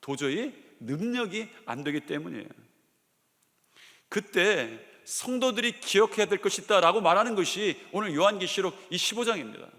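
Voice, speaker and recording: A man's voice: high-pitched, moderate pace. A male senior pastor from Chungcheong preaching a sermon, telling stories and acting out the voices of the people he quotes. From Chungcheong, Korea. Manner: lively storytelling preacher, acts out quoted voices and jokes. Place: large church sanctuary. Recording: long church hall reverb.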